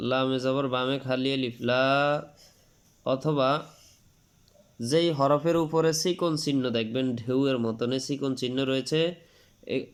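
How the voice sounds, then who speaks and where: Guy teaching quran reading, clear resonant voice, spells every letter, repeats the rules patiently. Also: medium pitch. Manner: spells each letter and vowel sign, drawing out long vowels in recitation. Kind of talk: spelled-out tajweed lesson.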